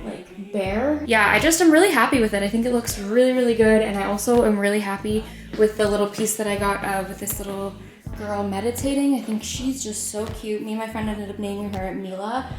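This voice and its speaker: A woman's voice: mid-range voice, a little fast, reverberant, soft background music. A young woman in her twenties chatting casually in a home vlog, upbeat and full of "like" and "um.". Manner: chatty, upbeat, many fillers like "like" and "um". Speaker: vlogger. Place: inside a home.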